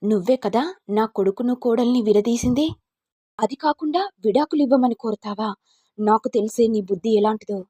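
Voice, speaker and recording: A woman's voice: a little high, moderate pace, no echo, natural voice. A woman voicing a furious vengeful mother-in-law. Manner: shouting accusations.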